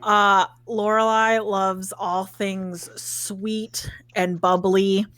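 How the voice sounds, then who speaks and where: A woman player in a tabletop game describes her character in casual chat. She speaks slowly at a middle pitch, with a close, dry sound. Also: level tone, fairly bright tone, clean tone, no room sound.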